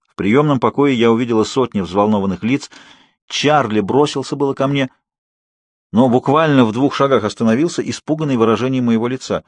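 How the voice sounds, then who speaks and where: A man reads the story aloud in a steady, measured way, his voice mid-pitched and a little husky. It is recorded close and dry, with no room echo. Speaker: audiobook narrator. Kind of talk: scripted narration.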